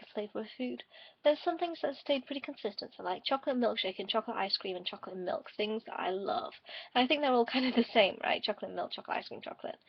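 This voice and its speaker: A tired woman rambling casually to camera in a subdued vlog, on a dull, low-quality recording. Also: breathy edge, no echo. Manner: rambling, subdued and quieter than usual. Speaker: vlogger. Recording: dull lo-fi dry home recording.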